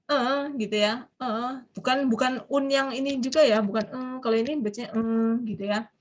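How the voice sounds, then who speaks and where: Chatty, animated woman teaching a class. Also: fairly high pitch, moderate pace. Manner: chatty, animated, mixes Japanese phrases into explanations, asks the class questions. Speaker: Japanese language lecturer. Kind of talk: online class lecture.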